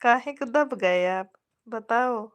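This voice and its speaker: A woman's voice: on the high side, takes it slowly, smooth. A woman with an Awadhi accent, a folk singer hosting a live stream, chatting casually and affectionately with viewers, greeting and thanking them by name. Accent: Awadhi Hindi.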